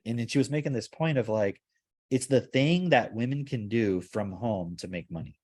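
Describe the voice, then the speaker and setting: A man's voice: medium pitch, moderate pace, darkish tone. A man hosting a casual podcast discussion, rambling and filling his talk with "like" as he works through his points. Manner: rambling, heavy use of "like". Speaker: podcast host.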